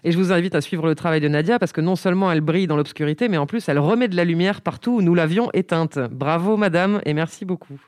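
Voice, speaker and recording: A woman hosting a podcast, speaking quickly in a lively, casual way and praising her guests. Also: on the low side, no echo, clean studio sound. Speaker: podcast host.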